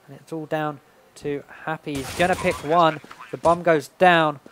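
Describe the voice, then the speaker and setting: Higher-pitched male esports caster, play-by-play. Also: fairly even intonation, normal speed, a bit bright. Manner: clipped running descriptions of the action. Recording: background noise with game gunfire. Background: game gunfire and clicks.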